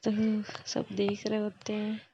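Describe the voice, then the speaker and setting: A woman's voice: medium pitch, completely flat delivery, measured pace, lo-fi sound, noisy background. A woman storyteller retelling a story in a plain, conversational way. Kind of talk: casual story narration.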